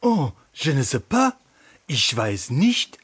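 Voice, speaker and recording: A woman voicing Serge, a vain, boastful rooster, in a children's audiobook; he drops French phrases and talks in a slow, theatrical way. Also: a bass voice, very animated, slightly rough, heavily acted.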